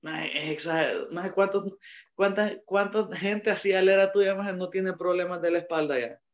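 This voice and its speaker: A young Honduran man with a Honduran Spanish accent, co-hosting a podcast in loud, slangy casual chat. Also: high voice, moderate pace. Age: young adult. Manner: loud, slangy, laughs often. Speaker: podcast co-host.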